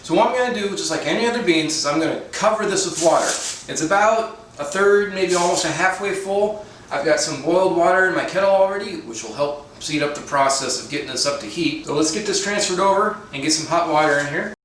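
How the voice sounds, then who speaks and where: A man talking through a home cooking vlog, slightly high-pitched, with dry, self-mocking humor. He sounds a little away from the mic in a very echoey kitchen, with faint noise underneath. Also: brisk, fairly bright tone, distant mic. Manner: dry self-deprecating humor, chatty asides. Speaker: cooking channel host.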